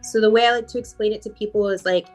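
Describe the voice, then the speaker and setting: A woman's voice: medium pitch, fairly even intonation, fast, soft background music. A woman life coach answering in a podcast interview, reflective and repeating phrases for emphasis.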